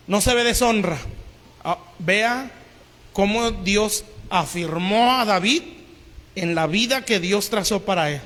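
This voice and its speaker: High-voiced pastor preaching in a hall. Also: male voice, fairly bright tone. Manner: keeps asking the congregation "¿sí?". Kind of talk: sermon. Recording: long hall reverb.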